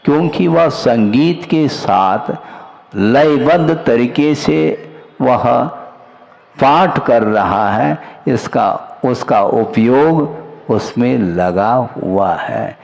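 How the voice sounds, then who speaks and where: Middle-aged male monk for a sermon; slow, gravelly, measured, rhetorical. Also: mid-range voice. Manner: measured, rhetorical questions voiced for listeners. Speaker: Jain monk.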